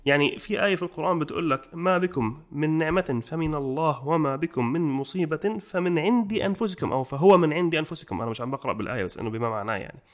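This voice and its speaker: A man with a Jordanian accent hosting a casual podcast chat. He talks in quick, emphatic bursts and gets loud when he makes a point. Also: on the high side, animated. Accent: Jordanian Arabic. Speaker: podcast host.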